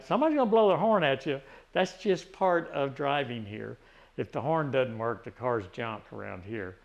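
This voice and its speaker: A creaky, mid-pitched voice belongs to a retiree vlogger, a man in his sixties with a Tennessee Southern accent. He chats casually and rambles, restarting often and using lots of fillers.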